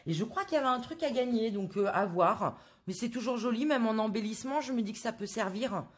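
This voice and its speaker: A woman's voice: on the high side, expressive, brisk. A woman from France in a casual haul video, chatting to her viewers with many hesitant fillers. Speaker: craft vlogger.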